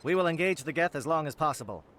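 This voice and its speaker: An actor voicing a calm, grave alien captain in video game dialogue, precise and matter-of-fact. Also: male voice, fairly high pitch, quick pace, background noise, natural voice. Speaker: Salarian captain planning an assault.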